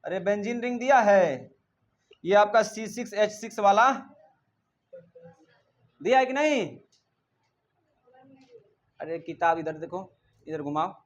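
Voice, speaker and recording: High-voiced guy teaching chemistry, keeps asking the class questions and scolds them. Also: muffled recording. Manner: drills students with repeated questions, scolds them.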